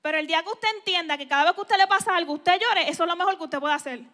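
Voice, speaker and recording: A woman, a psychologist giving an emphatic church talk that swings from loud appeals to hushed asides. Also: very high voice, racing. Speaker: psychologist speaking to a church audience.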